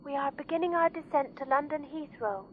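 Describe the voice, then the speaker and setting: A woman's voice: sits high, a little fast. A woman making polite, formal cabin announcements over a plane's intercom. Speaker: flight attendant. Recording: tinny intercom with faint noise.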